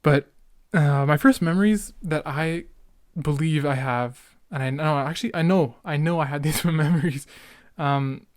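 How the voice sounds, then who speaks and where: Hosting a solo podcast, a young Canadian in his late teens or young adulthood chats casually and reminisces, rambling, self-interrupting and using youthful slang. His slightly high voice moves a little slowly with hardly any pauses, recorded at studio quality with no echo.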